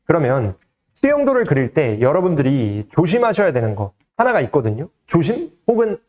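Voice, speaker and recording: Lively, animated male math tutor. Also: on the high side, brisk. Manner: lively, conversational teaching with frequent rhetorical questions. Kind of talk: exam solution lecture.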